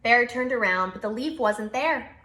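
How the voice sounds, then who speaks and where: A preschool teacher leads children's story time, her somewhat high voice moving at a moderate pace. She reads expressively and with lots of animation. The room is roomy and echoey.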